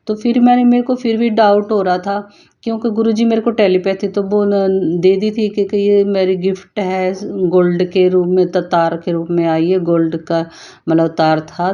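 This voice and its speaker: A woman tells of her devotional experience in a low, mellow voice that stays flat and even. She speaks in a halting, earnest way and often stops to restart her words. It sounds like a dull, lo-fi voice note. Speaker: devotee sharing a testimony. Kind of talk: personal devotional testimony.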